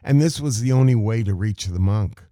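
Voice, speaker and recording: A man teaching meditation in a contemplative spiritual talk, measured and full of rhetorical questions. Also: fairly low pitch, warm tone, no room sound, studio quality.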